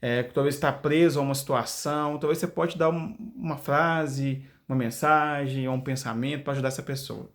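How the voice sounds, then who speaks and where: A man hosting an interview, asking quick, gently probing questions. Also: medium pitch, steady tone.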